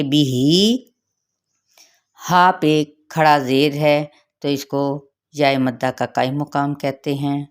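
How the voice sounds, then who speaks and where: Low-voiced Pakistani woman teaching tajweed. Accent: Pakistani Urdu. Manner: explains each letter slowly, then recites verses in a higher voice. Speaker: Quran recitation teacher. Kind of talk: tajweed lesson with recitation.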